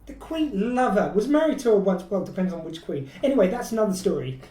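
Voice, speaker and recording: A woman voicing a cheeky, fast-talking male time traveller who jokes breezily. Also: mid-range voice, expressive, dark tone, recorded from a distance, natural voice. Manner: breezy, joking, fast talk. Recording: echoey room, a little off-mic.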